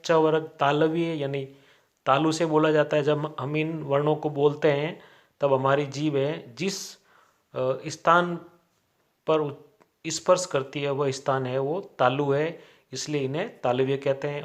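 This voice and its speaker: Slow, deliberate lecturer. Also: male voice, fairly high pitch, steady tone. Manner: slow, deliberate, spells out sounds one by one with many "a" fillers. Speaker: college Hindi lecturer. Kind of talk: classroom grammar lecture.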